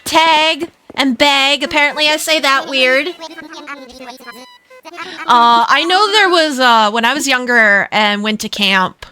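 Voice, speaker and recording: A woman's voice: high-pitched, measured pace, pauses often, bright, forceful tone. A woman from Minnesota with a Minnesotan accent, chatting casually and giggling while streaming a game. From Minnesota, USA. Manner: chatty, giggly, rambling aside to chat.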